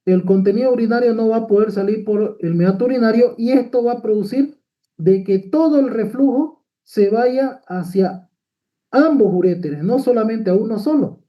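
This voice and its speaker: High-voiced man lecturing. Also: dull audio. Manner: explanatory, frequent tag questions and fillers. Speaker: medical lecturer. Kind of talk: lecture with slides.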